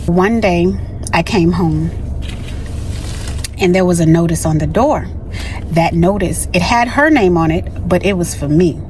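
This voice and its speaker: A woman's voice: on the low side, measured pace, long pauses, a little mellow, a little hiss or hum, poor audio. A woman in her thirties who grew up in Miami, candidly recounting a story in a casual vlog and often adding "you know.". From raised in Miami, born in the Bahamas. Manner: candid, conversational, with frequent "you know" asides. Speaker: vlogger.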